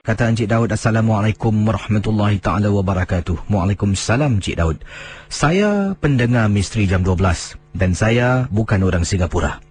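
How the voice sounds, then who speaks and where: A man, a radio host telling listeners' horror stories late at night, slowing down and dropping his voice low for suspense. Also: darkish tone, a little hiss or hum. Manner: dramatic storyteller, slows and drops low for suspense. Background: music bed.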